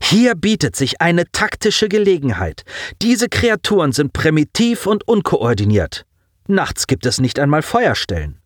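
An ice-cold female starship lieutenant, put on by a male narrator, raising her voice well above his own. She speaks calmly and cuttingly, with sudden lively leaps in pitch. Her lines come from a dry, close audiobook recording. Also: measured pace, dry recording, full character voice. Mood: forceful. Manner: icy, calm and cutting, with cold laughs.

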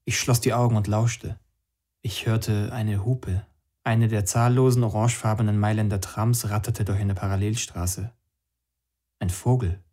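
A man with a somewhat low voice narrates a novel as an audiobook. His delivery is calm and measured, steady scripted storytelling.

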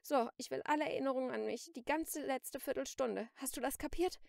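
A woman's voice: mid-range voice, fairly even intonation, normal speed, vocal fry, a little mellow, dry recording, studio quality. A woman reading an audiobook, voicing a desperate armed teenage girl who speaks in tense, clipped commands. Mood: furious.

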